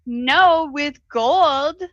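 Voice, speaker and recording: A woman's voice: sits high, extremely slow, a bit bright, no room sound, dull audio, exaggerated voice. A woman playing a free-spirited, brash adventurer with a slightly crackly voice and blunt, slangy talk.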